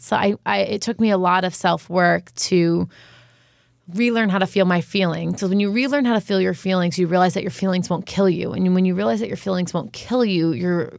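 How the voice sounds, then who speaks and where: A woman's voice: fairly low pitch, vocal fry, dry recording, clean studio sound. A woman around thirty, a podcast guest, talking candidly and reflectively in a casual interview chat. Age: 30s. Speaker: podcast guest, food business founder.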